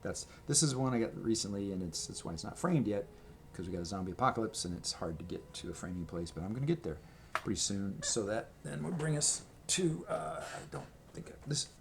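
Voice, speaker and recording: A vlogger shows off his merch in a rambling, casual show-and-tell, talking to the camera mic from a table in a home room with gray walls and a red accent wall. His lowish voice is expressive, a little fast and touched with vocal fry, and he's chatty and meandering, with many fillers and restarts and few pauses. A little hiss or hum sits in the background.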